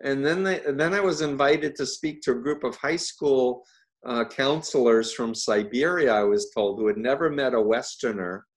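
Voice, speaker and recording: A man's voice: mid-range voice, normal speed. Earnest male host, conversational interview. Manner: earnest, repeats words while thinking. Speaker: host and cult expert.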